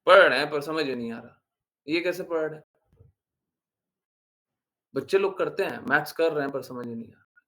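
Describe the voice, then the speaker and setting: A man giving an informal devotional talk as a spiritual teacher, animated and scolding with rhetorical questions. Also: a little high, normal speed, long pauses.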